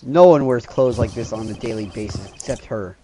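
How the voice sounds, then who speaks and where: A man's voice: medium pitch, fairly quick, dark tone, husky, no room sound. A man casually playing through a courtroom video game, reading the lawyer's lines aloud in a mock courtroom tone. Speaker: gamer reading dialogue aloud. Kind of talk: casual game playthrough with voiced dialogue.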